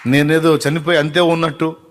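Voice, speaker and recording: A man voicing the risen Lord gently questioning a weeping mourner. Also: a little high, level tone, a little fast, in a large hall, some chatter behind, slight background noise, natural voice.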